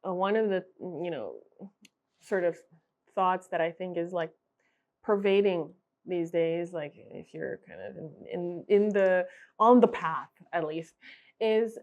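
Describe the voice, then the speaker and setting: A woman's voice: on the low side, unhurried, muffled recording. A woman hosting an interview podcast, casual and hesitant, thinking aloud with many fillers before she asks her questions. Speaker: podcast host.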